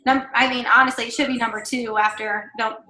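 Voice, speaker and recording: A woman's voice: a little high, steady tone, fairly quick, bright, forceful tone, slight background noise. Woman team leader, casual coaching talk, chatty and upbeat, roomy echo. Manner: chatty, encouraging, many fillers and asides. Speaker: team leader giving sales training.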